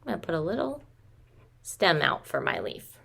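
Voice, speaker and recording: A preschool teacher in her thirties demonstrates a craft from a small room at home, talking simply to young children and calling them friends. Her voice is on the low side and fairly bright, with big pitch swings, normal speed, creakiness and a breathy edge.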